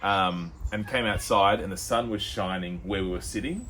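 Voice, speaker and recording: A young Australian man co-hosting a podcast, telling a rambling story with lots of fillers and quick put-on voices. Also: low voice, very noisy. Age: young adult. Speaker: podcast co-host. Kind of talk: casual chat.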